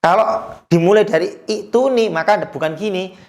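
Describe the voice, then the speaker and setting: A Quran recitation teacher giving a recorded lesson, chanting verses slowly in a higher voice and explaining the rules quickly in a lower one. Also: lively intonation.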